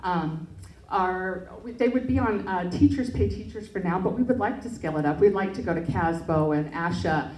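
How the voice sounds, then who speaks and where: Earnest woman pitching in an echoey hall. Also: normal speed, a little mellow. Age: adult parent. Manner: earnest, with frequent fillers and restarts. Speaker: project presenter. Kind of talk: pitch presentation and Q&A. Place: event hall. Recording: echoey room, mic from far off.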